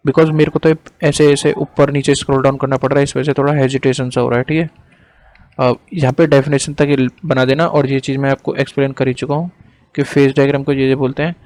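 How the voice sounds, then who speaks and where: A male teacher lecturing casually over a screen diagram, slowly dictating definitions word by word and then explaining more quickly in between, now and then apologizing for hesitating. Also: mid-range voice, little pitch movement, darkish tone.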